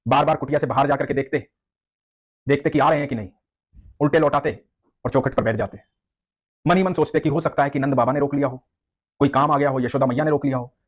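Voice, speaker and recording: A man narrating a devotional story in an earnest, vivid storytelling way. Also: medium pitch.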